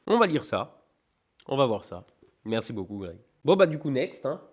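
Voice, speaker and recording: Host, young man from France, reading fan mail on his channel; relaxed, offhand chatter that turns theatrical on the letters. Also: mid-range voice, moderate pace. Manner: reads letters in a raised theatrical voice, chats offhand between them. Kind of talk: casual chat reading letters aloud.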